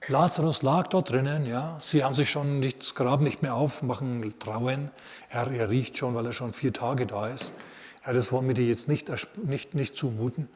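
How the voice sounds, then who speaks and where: A man preaching a sermon as a pastor, telling stories in a lively way and acting out quotes. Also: mid-range voice, moderate pace. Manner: lively storytelling with acted quotes. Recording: long reverb of a large hall.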